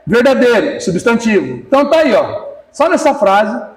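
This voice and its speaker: A man preaches a relaxed, joking sermon, breaking into small acted-out dialogues and calling on people in the pews by name. His voice sits fairly high for a man. The sound carries the echo of a church hall. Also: moderate pace, distant mic. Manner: jokey, acts out little dialogues, talks to the congregation by name. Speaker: pastor. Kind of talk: casual sermon.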